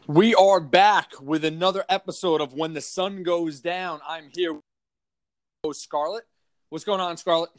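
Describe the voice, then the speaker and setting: A man's voice: a little high, fairly even intonation. A man with a Long Island accent, co-hosting a podcast in a casual, jokey chat. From Long Island, New York. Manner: chatty, jokey, quick restarts. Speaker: podcast co-host.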